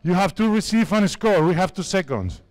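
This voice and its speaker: Basketballs bounce as a coach from Spain, a native Spanish speaker in his fifties, gives players brief instructive commands on court in a large indoor sports hall. His voice sits high and sounds animated and a little mellow, at a moderate pace.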